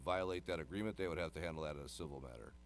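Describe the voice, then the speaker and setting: A man's voice: extremely low pitch, rapid-fire. A man on city planning staff explaining land rules at a public meeting in a matter-of-fact, procedural way. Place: council meeting room.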